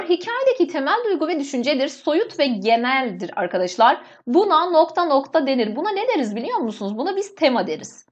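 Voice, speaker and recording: A woman teacher with a high, clear-pitched voice works through exam questions step by step. She talks straight to her students and explains each answer patiently. The sound is a little dull and lo-fi. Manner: explains step by step, often addresses students as "friends". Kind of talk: exam walkthrough lesson.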